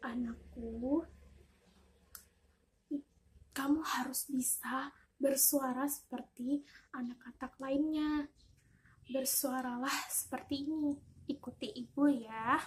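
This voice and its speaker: A woman voicing a loving, worn-out mother frog who speaks in a gentle, patient teaching tone. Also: sits high, fairly even intonation, slow pace, pauses often. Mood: coaxing.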